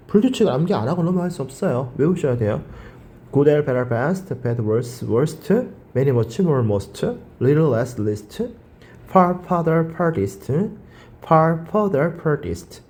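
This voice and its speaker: A man's voice: mid-range voice, dark tone, a little hiss or hum. A male teacher giving a grammar lecture. He asks his class questions, answers them himself and drills the words by repeating them.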